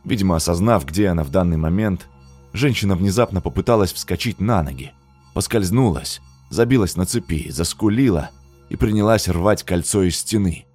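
Male audiobook narrator, low, husky, lively range. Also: normal speed, soft background music.

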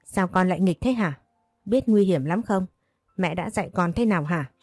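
A protective young mother who frets over her small daughter, as a woman narrator voices her. The tone is mellow and soft-edged. The storybook recording sounds dry and close. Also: fairly low pitch, normal speed, no echo, faint music behind, lightly acted. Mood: scolding.

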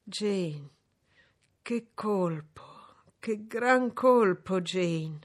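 Woman reading as a brooding, shaken gentleman. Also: medium pitch, expressive, extremely slow. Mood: grave, shaken. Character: brooding troubled gentleman, middle-aged man. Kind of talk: audiobook reading.

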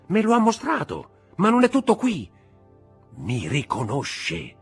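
A man reading aloud, voicing a cocky, impatient young man who talks in quick, offhand bursts. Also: sits high, wildly swooping pitch, slightly rough, soft background music, pitched above the performer's own voice, exaggerated voice. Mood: boastful.

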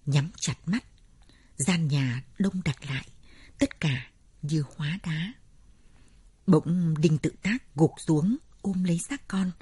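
A woman narrating a story in a measured, dramatic storytelling manner. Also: lowish voice, mellow, breathy edge, dry recording.

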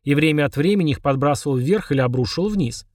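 A man narrating an audiobook with a somewhat high voice. His reading is lively, and he pitches up for the characters. The sound is dry and close, with no room around it. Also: racing, no echo, far from the mic. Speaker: audiobook reader. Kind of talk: scripted narration.

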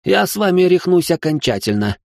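A man's voice: big pitch swings, fairly quick, vocal fry, darkish tone, no room sound, studio quality, heavily acted. A man voicing a prissy young male aristocrat who is easily shocked and talks in a whiny, exasperated way, in a comic storybook reading. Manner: whiny, exasperated, high strained voice.

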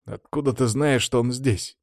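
A man's voice: mid-range voice, fairly even intonation, moderate pace, dry recording, studio quality, lightly acted. A man voicing a panicky, strained fourth-year male student mage straining to hold a spell in an audiobook. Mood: doubtful. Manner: panicky, whiny, strained shouting. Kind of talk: audiobook character voice.

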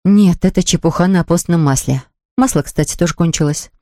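A woman's voice: fairly low pitch, a little fast, dark tone, no room sound, clean studio sound, lightly acted. Woman doing a firm, scolding mother. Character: no-nonsense mother of a young boy.

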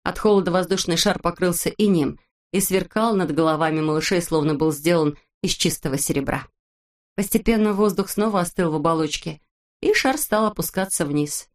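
A woman reading a children's book aloud as narrator, in a clear, expressive manner. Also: fairly low pitch, fairly quick.

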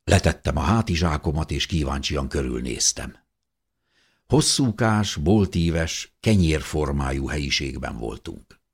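A man reading a first-person story aloud in a calm, measured way. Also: rumbling low, slightly rough. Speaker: audiobook narrator. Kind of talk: scripted first-person narration.

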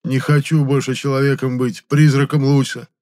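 A man voicing a sick, hungover male ghost stuck in a human body, croaking and moaning. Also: medium pitch, steady tone, moderate pace, darkish tone, pitched above the performer's own voice, close to an everyday voice. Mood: whining.

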